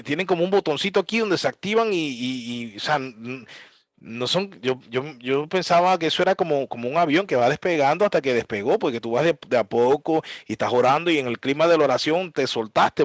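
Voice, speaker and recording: A man teaching a church class on worship, telling stories with lively asides and mimicking piano sounds and preachers. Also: on the high side, no echo. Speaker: Bible teacher.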